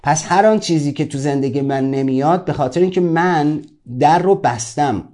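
A man giving an informal motivational talk as a course teacher. His voice sits a little high for a man but sounds mellow and relaxed. He speaks to his listeners directly, like a conversation. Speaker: self-help course teacher.

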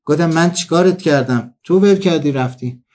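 A man delivering a comic storytelling monologue, acting out the people he quotes. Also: a little high. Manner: animated, acts out quoted dialogue.

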